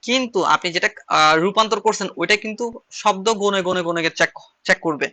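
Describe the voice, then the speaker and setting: A man's voice: high-pitched, a little fast, pushed and bright. A man with a Chittagong Bengali accent teaching an online shorthand class, explaining rules step by step and repeating key phrases as he writes on slides.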